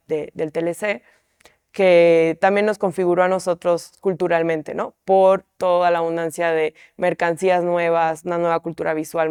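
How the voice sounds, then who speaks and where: A woman's voice: on the low side, smooth, no room sound, studio quality. A woman, an artist, explaining a piece in an interview in a reflective way, often tagging her sentences with questioning asides. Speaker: artist in a collective.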